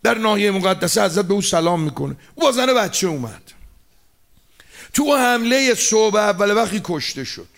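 A man's voice: high voice, big pitch swings, gravelly, fairly bright tone. A man giving a mourning sermon, lamenting and chanting with emotion. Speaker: mourning preacher.

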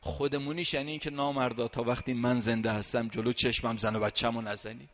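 A man's voice: medium pitch, little pitch movement. Impassioned man preaching a mourning sermon. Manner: tearful emotional storytelling rising to loud laments.

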